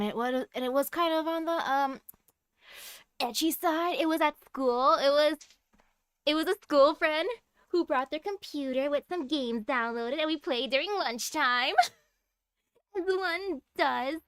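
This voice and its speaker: Brief: woman streamer, casual and giggly, reads game lines aloud in a high voice. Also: unhurried, fairly bright tone, dry recording. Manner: chatty and giggly, reading game text aloud.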